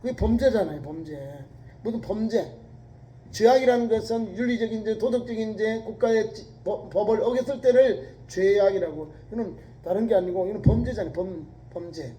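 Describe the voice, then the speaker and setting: High-voiced mellow Korean pastor preaching. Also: male voice, fairly quick, rough recording. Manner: earnest, exhorting, repeats key words. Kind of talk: sermon.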